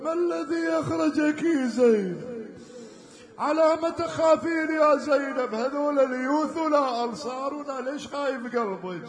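A brave young warrior answers his sister with firm vows, recited by a man without a changed voice. The voice sits high for a man. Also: normal speed, roomy sound. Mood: reassuring.

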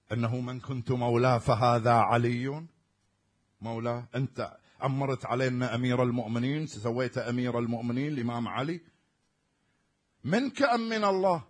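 Husky Iraqi preacher, emphatic. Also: male voice, medium pitch. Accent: Iraqi Arabic. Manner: emphatic, swinging from loud stresses to near-murmurs. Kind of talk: sermon.

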